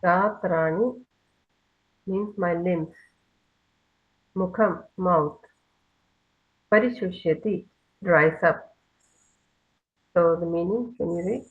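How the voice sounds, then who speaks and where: A woman teaching a children's lesson over a video call, slowly leading call-and-response recitation. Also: lowish voice, breathy edge, narrow, tinny audio. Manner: slow, patient call-and-response chanting.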